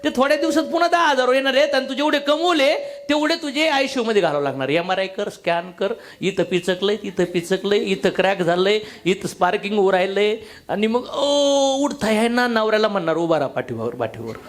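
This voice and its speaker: High-voiced and a little fast, with few pauses, a man speaks at a motivational business seminar in front of a live crowd. He talks bluntly in slang, jokes around, and peppers listeners with questions.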